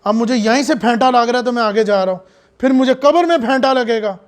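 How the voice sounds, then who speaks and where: A very high-pitched man preaches a sermon, swinging between hushed asides and loud, impassioned lines that pose many rhetorical questions.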